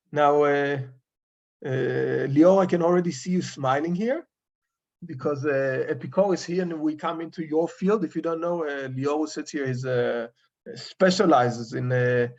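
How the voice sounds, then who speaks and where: A male rabbi leads an informal Torah study session, his voice sitting a little high with a gravelly fry. He speaks haltingly, pausing often as he reaches for the right word. The recording sounds dull and lo-fi. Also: a little mellow. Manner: halting, searching for English words with frequent pauses. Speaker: rabbi teaching a Torah class. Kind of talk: informal study-group lecture.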